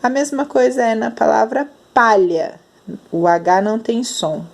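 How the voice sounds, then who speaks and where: Slow-enunciating Brazilian teacher woman. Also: fairly high pitch, animated, gravelly, a little mellow. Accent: Brazilian Portuguese. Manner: slow, drawn-out enunciation of sounds. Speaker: primary school teacher. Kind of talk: explaining lesson to children.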